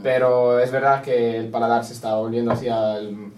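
Un hombre que conversa de forma distendida y bromista sobre bebidas. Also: male voice, mid-range voice, little pitch movement, normal speed, a little mellow, far from the mic. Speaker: drinks company representative. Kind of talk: casual chat. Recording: roomy office, a bit off mic.

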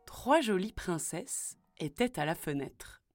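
Slow, expressive woman telling a fairy tale. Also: on the low side, soft background music. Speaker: storyteller. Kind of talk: reading a children's fairy tale aloud.

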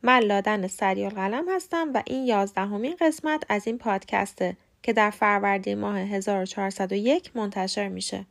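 A woman hosting a scripted podcast lesson on English pronunciation, slowly spelling out English words. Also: medium pitch, creaky. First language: Persian.

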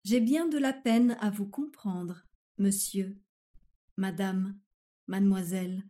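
An actress plays a fussy, overly courteous woman who can never follow what is asked. She speaks very slowly and deliberately in a mellow, darker tone, in a surreal comic sketch. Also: medium pitch, lightly acted. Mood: overly polite. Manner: formal, deliberate, fussy politeness. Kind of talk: surreal comic dialogue acting.

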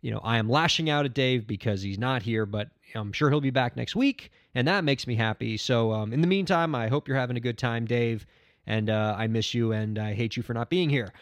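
A man's voice: medium pitch, a little fast, dry recording, clean studio sound. A man in his thirties hosting a podcast on his own, chatting casually and rambling in a self-mocking way. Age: 30s. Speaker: podcast host. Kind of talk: casual solo podcast talk.

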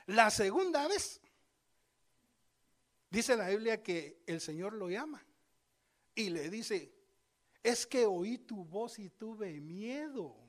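A male preacher giving a sermon, telling scripture stories with lively asides and speaking straight to his congregation. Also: sits high, takes it slowly. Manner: lively storytelling, acts out scripture voices; addresses congregation directly, conversational asides.

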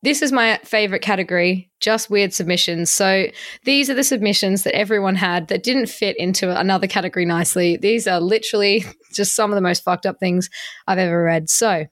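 A woman's voice: medium pitch, brisk. A woman hosting a podcast in casual chat, giggling often and swearing freely. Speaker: podcast host.

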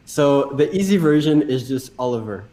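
A man's voice: mid-range voice, brisk. Friendly man. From Quebec, Canada. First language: French. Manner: friendly, laughing, repeats words. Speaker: guest, dancer. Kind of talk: casual video call chat.

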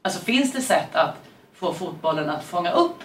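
A woman in relaxed conversation, rambling through stories with lots of fillers and side remarks. She sits a little away from the microphone in an echoing room. A faint noise hangs under her voice. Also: lowish voice. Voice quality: talkative, digressive with many fillers. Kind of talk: casual chat. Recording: roomy and distant with faint noise.

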